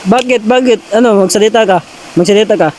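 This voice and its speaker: A man's voice: sits high, fast talker, a little mellow, slight background noise, poor audio. A man performing a comedy skit, teasing his partner and repeating his words for laughs.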